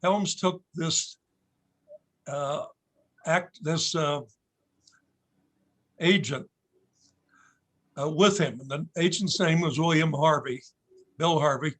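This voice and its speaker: Older male guest, anecdotal storyteller, measured delivery, slightly high register, slow pace. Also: a bit bright, poor audio. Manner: unhurried, measured storytelling with pauses. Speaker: audience member telling a story.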